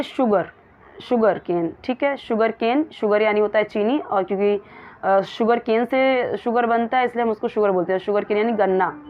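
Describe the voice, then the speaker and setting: Woman teacher, slow deliberate sentence reading. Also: a little high. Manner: reads English sentences slowly and deliberately, then explains in Hindi. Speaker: English teacher. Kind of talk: Hindi-language English lesson, reading and explaining sentences. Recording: dull lo-fi recording.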